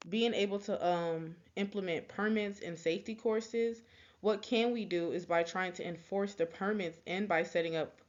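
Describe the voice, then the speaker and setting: A young woman delivers a persuasive speech for a class in a lowish voice. She stumbles often, with ums, false starts and quick apologies. The recording is slightly muffled. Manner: halting, with frequent ums, restarts and apologies. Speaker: student giving a class speech.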